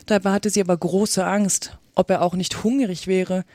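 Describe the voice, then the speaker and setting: A woman narrating a storybook in a steady, even reading voice. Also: medium pitch, normal speed, no room sound. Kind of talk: audiobook reading.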